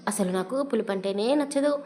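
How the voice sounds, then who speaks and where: A woman's voice: mid-range voice, brisk, darkish tone, close to an everyday voice. A woman voicing a naive innocent young bride. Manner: wide-eyed, pleading questions.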